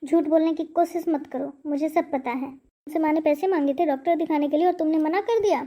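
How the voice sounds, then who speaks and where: A woman's voice: sits high, fairly quick, mellow, close to an everyday voice. A woman voicing a stern young husband in a cartoon story, scolding firmly. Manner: scolding, firm.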